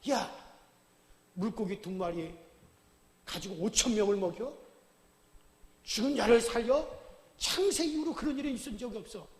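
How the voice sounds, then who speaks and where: A man voicing a desperate blind male beggar, crying out in pleading shouts. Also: high-pitched, moderate pace, pauses often. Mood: awed. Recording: echoey church hall reverb.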